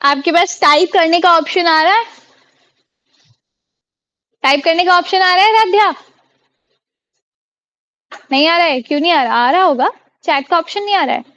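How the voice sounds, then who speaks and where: High-voiced Indian woman tutoring online. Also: normal speed, pauses often, fairly bright tone, no room sound, muffled recording. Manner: quizzing students, repeating words. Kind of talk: live online class teaching. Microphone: video call.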